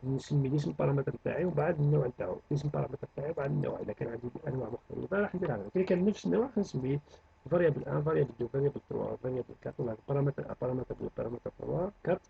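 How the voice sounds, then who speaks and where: Brief: male teacher, quick delivery, gravelly fry, lo-fi dull recording. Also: medium pitch. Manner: mixes French terms into Arabic speech. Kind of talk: programming lesson review.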